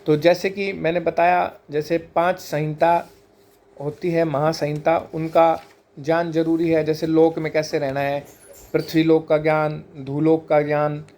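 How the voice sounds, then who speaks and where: Man, fairly high voice, calm teacher explaining old scripture, lists terms slowly. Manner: measured and explanatory, slowing to spell out sacred terms one by one.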